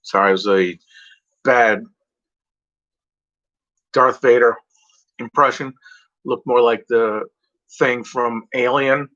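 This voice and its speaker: A man's voice: mid-range voice, steady tone, slow, pauses often, fairly bright tone. A man rambling casually and off script in a vlog, meandering between stories and swearing freely. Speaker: vlogger. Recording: dull lo-fi recording.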